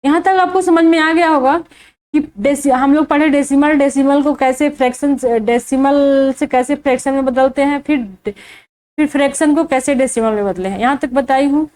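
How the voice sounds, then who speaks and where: High-voiced woman teaching maths step by step. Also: darkish tone, low-quality recording. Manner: asks the viewer questions and answers them herself, slow and deliberate.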